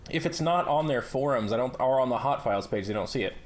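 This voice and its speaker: A man's voice: medium pitch, lively intonation. A man hosting a casual interview, talking bluntly with frequent swearing. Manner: blunt and profane, quick asides. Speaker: podcast host interviewing a mod author.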